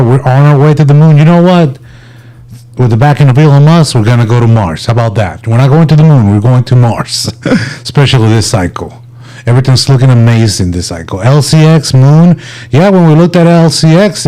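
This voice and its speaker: In a low-quality recording, a livestream host with a warm, mid-range voice talks casually to his audience. He keeps things laid-back and informal, addressing viewers like they're his buddies.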